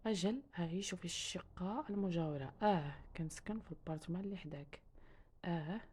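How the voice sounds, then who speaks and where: A woman teaching a language lesson, saying each phrase slowly and then repeating it for learners. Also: on the low side, a little mellow, slight background noise.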